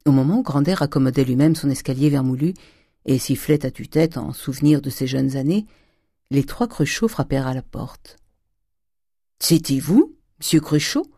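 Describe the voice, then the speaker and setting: An audiobook reader giving a measured, steady narration of a classic novel. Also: medium pitch, dry recording, clean studio sound.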